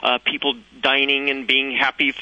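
A man's voice: medium pitch, completely flat delivery, normal speed, sharp tone, no room sound, low-quality recording. A man from California as an interview guest, chatty and enthusiastic, tossing in French words. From Santa Barbara, California. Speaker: festival guest. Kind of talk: phone-in interview.

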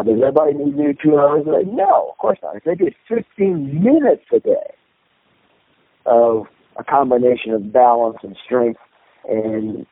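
A man's voice: medium pitch, no room sound. Man explaining over a tinny line. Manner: earnest, explains step by step. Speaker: guest expert. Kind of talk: explanatory interview. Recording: tinny dry phone line.

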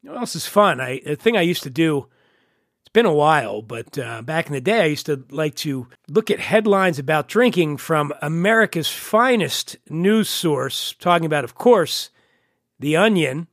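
A man hosting a podcast in casual, chatty monologue, with a nasal twang from a head cold and animated asides. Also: on the high side, moderate pace, dry recording, studio quality. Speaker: podcast host.

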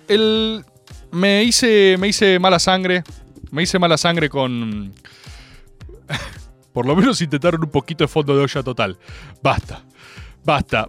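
A young man with an Argentine accent hosting a radio show, chatting casually and sarcastically, jumping from high mocking voices to low mutters. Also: a bit bright. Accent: Argentine Spanish. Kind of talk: casual comedic radio talk.

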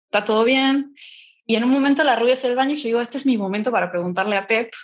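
Lively high-voiced woman telling a story. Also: fast talker, lo-fi sound. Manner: lively storyteller, acts out dialogue, laughs often. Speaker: guest, business executive. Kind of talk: conversational anecdote.

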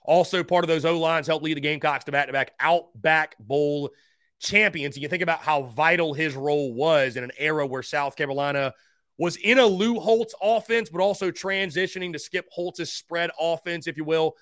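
Higher-voiced man hosting a sports countdown, dry sound. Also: moderate pace, a bit bright, dry recording. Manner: emphatic announcing of each ranking and name, addressing listeners as guys. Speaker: sports host counting down a ranked list. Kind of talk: top-five countdown sports commentary.

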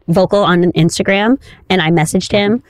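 A woman's voice: mid-range voice, moderate pace, no room sound, studio quality. A woman co-hosting a podcast in casual chat, laughing often and repeating herself for emphasis. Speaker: podcast co-host.

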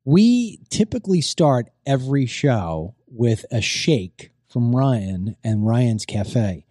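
A middle-aged man hosts a casual talk show, chatty and rambling and repeating himself, his voice strained as it comes back after being lost. It's medium-pitched, sing-song and dark-toned, delivered slowly, with clean, echo-free studio sound.

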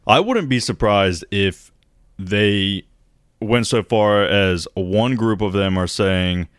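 Low-voiced podcast guy, swears a lot, laughs, does goofy quote voices, dry close mic. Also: slow, clear, resonant tone, no room sound. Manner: profane, laughing, acts out quotes in mock voices. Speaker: podcast co-host. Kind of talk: casual conspiracy podcast chat.

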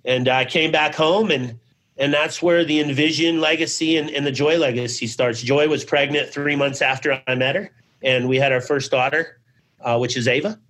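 A man's voice: a little high, steady tone, moderate pace, fairly bright tone. A middle-aged man telling his life story as an interview guest, loose and conversational, peppered with "you know" and "man", acting out old conversations. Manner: acts out remembered conversations. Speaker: interview guest, business founder.

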